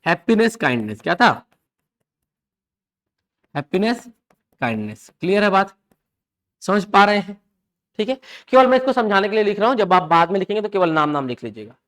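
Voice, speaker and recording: एक पुरुष शिक्षक कक्षा में हिंदी और अंग्रेज़ी मिलाकर व्याकरण पढ़ाता है। वह बार-बार छात्रों से सवाल पूछता है कि वे समझ रहे हैं या नहीं, और ज़रूरी बातें दोहराता है।. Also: male voice, sits high, big pitch swings, a little fast, long pauses, fairly bright tone. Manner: keeps asking the class questions and checking they follow; repeats key phrases and examples for drilling. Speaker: English teacher. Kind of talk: live classroom lecture in Hindi mixed with English. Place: classroom with students.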